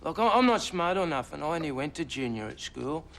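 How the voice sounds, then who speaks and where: A man's voice: on the high side, big pitch swings, brisk, gravelly, very noisy. An actor playing an agitated male Australian pensioner on methadone, a witness in court who rambles indignantly and keeps saying "mate". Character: agitated scruffy male pensioner addict witness, cocky and evasive. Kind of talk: film drama acting.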